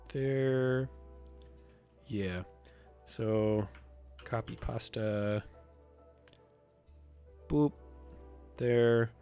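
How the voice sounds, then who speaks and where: A man with a rough, sick voice that sits on the low side. He talks at an unhurried, drawn-out pace, thinking aloud and counting quietly as he works. Soft music plays faintly behind his casual stream chatter. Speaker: streamer and host. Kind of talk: casual live-stream chat while building a map.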